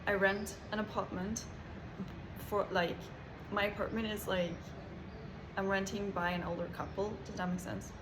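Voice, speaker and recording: A woman's voice: mid-range voice, little pitch movement, moderate pace. A woman in her twenties from Norway, chatting casually and bubbly to camera with lots of fillers. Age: 20s. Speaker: vlogger. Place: holiday lodging. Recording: noisy background.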